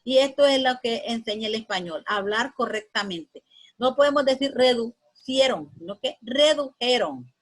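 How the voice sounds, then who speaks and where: Woman teacher, higher voice, patient and repetitive grammar lesson. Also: animated, rough recording. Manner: patient, repeats words slowly for students.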